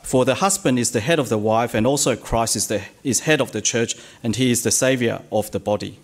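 A man's voice: medium pitch, a little fast. A man interpreting a sermon live in a church, hesitant, with many fillers and self-corrections.

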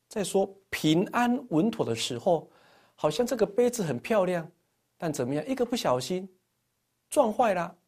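Husky man preaching with lively pitch. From Taiwan. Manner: animated storytelling, swinging between emphatic highs and soft low phrase endings. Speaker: pastor. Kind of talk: sermon.

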